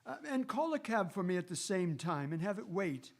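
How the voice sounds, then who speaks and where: A man playing a busy, brusque doctor in a radio drama, speaking and narrating in a formal, brisk manner. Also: high-pitched, big pitch swings, exaggerated voice. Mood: brisk, firm. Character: brusque, busy male London doctor, Doctor Watson.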